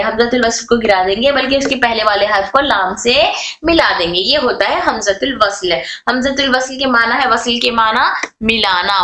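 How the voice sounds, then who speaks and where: A woman teaching a class on Arabic letter rules, repeating points, asking questions and answering them herself, and stretching out example words slowly. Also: fairly high pitch, sharp tone. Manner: drawn-out slow model readings of words. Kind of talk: online class lecture. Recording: echoey room.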